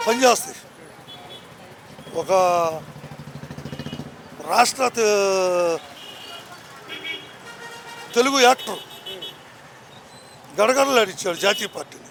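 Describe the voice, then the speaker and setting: A man speaking out on a busy city street, arguing his political point with heat. His voice sits very high and has a gravelly, fried edge. The tone is bright and hard, with faint traffic noise behind him. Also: takes it slowly, long pauses. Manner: argumentative, heated political opinion. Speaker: member of the public. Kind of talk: street interview answer.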